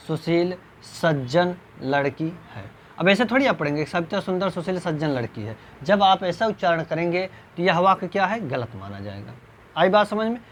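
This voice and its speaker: A man teaching Hindi grammar in an exam-prep lecture, reading example sentences slowly and putting rhetorical questions to his students. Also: sits high, a bit bright, slight background noise.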